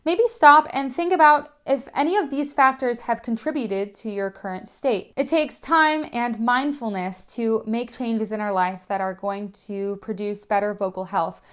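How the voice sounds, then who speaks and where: A young adult woman teaching a clear, upbeat lesson as a voice teacher. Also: on the high side, normal speed, few pauses, a bit bright. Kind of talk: educational lesson.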